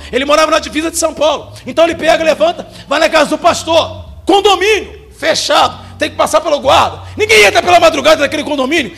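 A man with a Brazilian accent preaching a sermon, telling a story fervently and often shouting. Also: extremely high pitch, gravelly.

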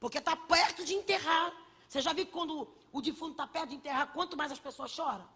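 A woman preaching a sermon with passion, swinging between shouts and hushed asides, in a church hall. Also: high voice, fast talker. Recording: long reverb of a large hall.

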